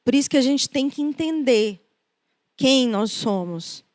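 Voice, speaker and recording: A woman's voice: sits high, lively intonation, unhurried, dry recording. A middle-aged woman with a Brazilian Portuguese accent, preaching a conversational sermon and acting out the people she quotes. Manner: conversational, acts out quoted voices. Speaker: preacher and counselor.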